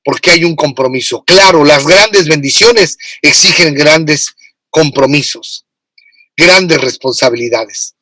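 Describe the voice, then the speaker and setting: A man's voice: fairly high pitch, slow pace, bright, forceful tone, dry recording. A man from Mexico with a Mexican accent, preaching a sermon as pastor, with emphatic repetition. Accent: Mexican Spanish.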